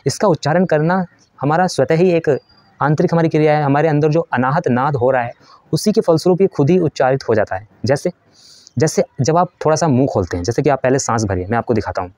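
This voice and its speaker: A man's voice: on the high side, expressive, fast talker, darkish tone, dry recording. A man giving a patient spiritual lesson. He explains step by step, asks questions and answers them himself, and shows how to chant. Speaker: spiritual teacher.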